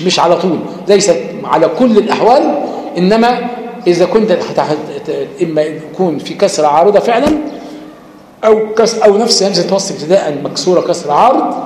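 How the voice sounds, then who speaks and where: A man's voice: high voice, darkish tone. A man with an Egyptian accent teaching recitation rules, explaining step by step, asking his class rhetorical questions and chanting short verses as examples. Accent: Egyptian Arabic. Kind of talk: lecture on tajweed rules. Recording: echoey hall reverb.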